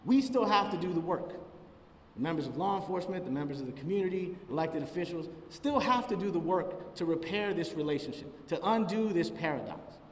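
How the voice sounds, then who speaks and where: A man's voice: high voice, lively intonation, brisk, distant mic. Earnest man speaking in an echoey hall. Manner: earnest, emphatic public speaking. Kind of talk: speech at a press conference.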